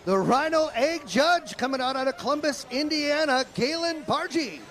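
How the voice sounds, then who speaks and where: High-pitched male tractor pull announcer. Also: moderate pace, a bit bright, a little hiss or hum. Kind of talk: live event announcing with sponsor reads and banter.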